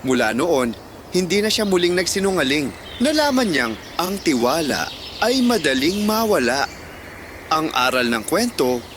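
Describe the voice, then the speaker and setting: A storyteller giving expressive scripted narration of children's moral stories. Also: mid-range voice, background noise. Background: background music.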